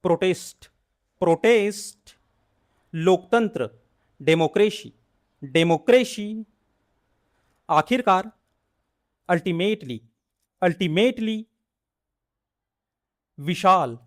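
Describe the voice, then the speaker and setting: A man drilling a vocabulary list, saying a word and then repeating the English term twice in a measured, even way. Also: high-pitched. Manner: measured, evenly paced recitation. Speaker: vocabulary teacher.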